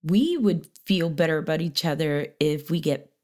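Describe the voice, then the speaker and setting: A woman of forty-eight co-hosting a podcast about couples, with a somewhat low voice. She chats casually and laughs easily, and she backs her partner up with quick murmurs of agreement. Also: expressive, darkish tone. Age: 40s. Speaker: podcast co-host. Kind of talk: casual chat.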